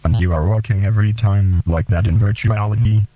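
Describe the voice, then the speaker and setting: A man hosting a radio show, speaking in slow, deliberate, halting phrases and reading poems aloud. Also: fairly low pitch, fairly even intonation, mellow, lo-fi sound, faint music behind. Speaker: radio host.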